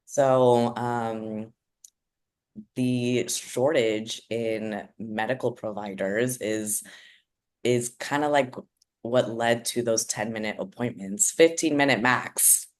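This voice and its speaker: A woman, a physician assistant, talking as a guest in a casual podcast conversation, animated and acting out her reactions. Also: a bass voice, slow pace. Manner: animated, acts out reactions with "like" asides.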